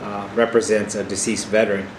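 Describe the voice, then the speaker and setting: A man's voice: fairly low pitch, brisk. A middle-aged or older man giving an informal, earnest explanatory talk as a powwow arena director, stressing key points with repeated phrases. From South Dakota, United States. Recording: echoey room with clear steady background hum.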